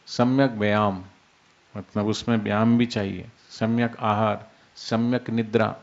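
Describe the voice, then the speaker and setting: Calm man giving a spiritual talk. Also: on the low side, vocal fry, highs cut off. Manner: unhurried, explains with everyday examples, demonstrates soft and loud speech. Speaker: spiritual teacher. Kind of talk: devotional discourse.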